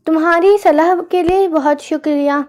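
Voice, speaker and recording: A woman's voice: very high-pitched, normal speed, a little mellow. A woman voicing a lazy, grateful ox in a storybook tale, cheerful and thankful. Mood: content.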